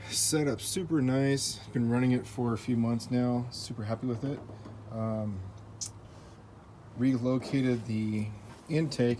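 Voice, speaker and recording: A man's voice: medium pitch, dark tone. An American man giving a casual, unscripted, upbeat update as a car build vlogger, in informal slangy words. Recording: faint vehicle and ambient noise.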